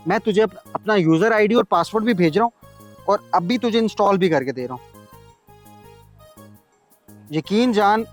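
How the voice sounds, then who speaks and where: A man's voice: high voice, expressive, fairly quick, faint music behind. A man playing a coaxing pushy friend. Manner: coaxing, persuasive. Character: smooth-talking friend, pushy tempter.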